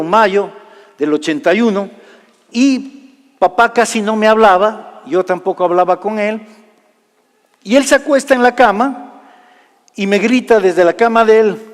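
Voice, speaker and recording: A man preaching a sermon, telling a personal story and swinging from loud to hushed delivery. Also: high-pitched. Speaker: pastor. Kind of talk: sermon testimony. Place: large church hall. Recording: live church hall reverb.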